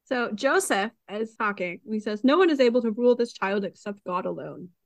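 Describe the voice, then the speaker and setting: A woman's voice: fairly high pitch, expressive, a little fast, no room sound, poor audio. Woman reading passages on a dry mic. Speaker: podcast co-host reading the story. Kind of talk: casual chat reading passages aloud.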